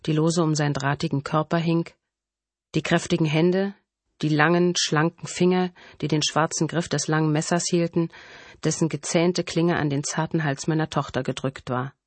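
A woman reading a first-person thriller audiobook in a measured, suspenseful way on a close studio mic. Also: deep voice, fairly even intonation, no room sound. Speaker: audiobook narrator.

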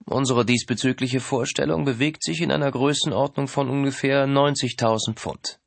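A man's voice: medium pitch, steady tone, moderate pace, vocal fry, no echo. A man voicing a man who puts on a clumsy French accent to pose as a formal art agent. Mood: stiffly formal. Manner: stiff, over-careful, formal.

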